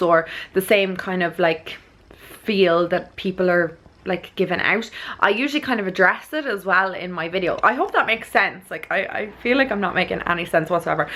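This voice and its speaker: An Irish woman vlogs in a mid-pitched voice, talking casually to her viewers. She rambles in an earnest way, circling back to check that what she says makes sense. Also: a bit bright. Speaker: vlogger. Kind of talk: casual chat to camera.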